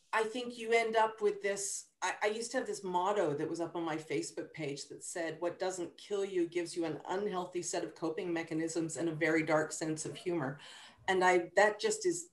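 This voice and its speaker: A woman author on a video call, telling stories with dark humor in a lively, restarting way. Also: on the low side, moderate pace, reverberant. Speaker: author at a book launch. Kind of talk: casual interview chat. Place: virtual event from home.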